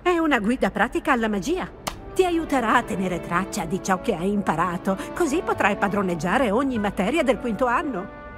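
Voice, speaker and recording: A woman playing a brisk, encouraging older professor of magic in a video game, speaking in an articulate, instructive way. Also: mid-range voice, sing-song, over music, natural voice.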